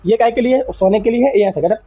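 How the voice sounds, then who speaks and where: A man's voice: extremely high pitch, quick pace, dark tone, rough recording. A man teaching English in a classroom, repeating phrases word by word and quizzing his students. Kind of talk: classroom lesson.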